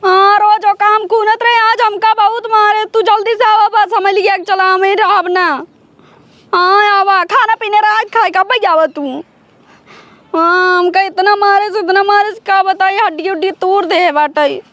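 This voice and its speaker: A woman's voice: very high-pitched, normal speed, pushed and bright. A woman playing a combative, complaining village wife of a drunkard, with an Awadhi accent, in an amateur comedy sketch. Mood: aggrieved pleading.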